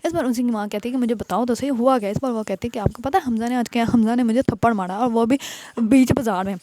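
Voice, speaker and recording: A woman casually retelling a drama episode as a narrator, often pausing on hesitant filler sounds. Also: a little high, noisy background.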